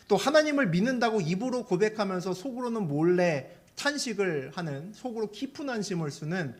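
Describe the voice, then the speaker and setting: A man preaching a sermon as pastor, telling stories with lively energy and putting questions to the congregation. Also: a little high. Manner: animated storytelling, asks the congregation questions.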